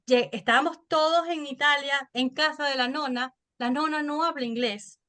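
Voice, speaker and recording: Chatty Venezuelan woman, bright voice. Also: high voice. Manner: animated storytelling, quick and chatty. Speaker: podcast guest. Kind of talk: casual interview chat.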